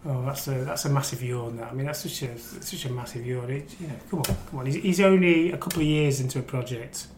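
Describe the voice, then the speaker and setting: Talking fast with few pauses, this man has a mid-range voice with a darkish tone. He's a crime reporter appearing as a podcast guest, rambling casually about football, teasing and repeating himself often. The room is echoey, with faint noise in the background.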